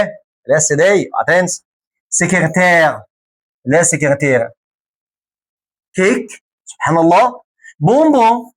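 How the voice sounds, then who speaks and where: A man with an Egyptian Arabic accent teaching a French lesson in a lively, joking way, repeating words slowly to drill them. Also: high-pitched.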